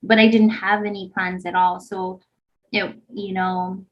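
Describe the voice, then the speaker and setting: The lo-fi, slightly dull recording captures a woman in her thirties from Hawaii co-hosting a podcast. She rambles through her own story with heavy use of "like," her medium-pitched voice flat and a little slow.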